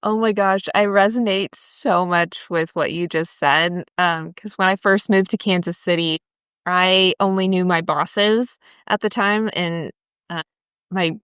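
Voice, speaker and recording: A woman's voice: lowish voice, measured pace, fairly bright tone, clean tone, no echo, clean studio sound. A young adult woman from Florida hosting a podcast, chatting enthusiastically and sharing her own story. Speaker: podcast host. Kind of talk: casual podcast chat.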